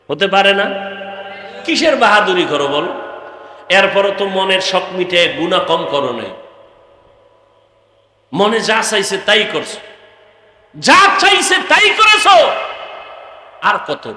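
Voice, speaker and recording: A man preaching a waz sermon, chanting in a sing-song style and rising into high, shouted pleas. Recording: echoey long reverb over loudspeakers.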